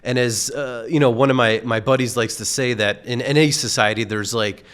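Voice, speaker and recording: A man's voice: medium pitch, fairly even intonation, moderate pace, a bit bright. A man speaking as an expert guest in a casual interview, explaining patiently with lots of fillers. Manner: explanatory, many fillers like "you know".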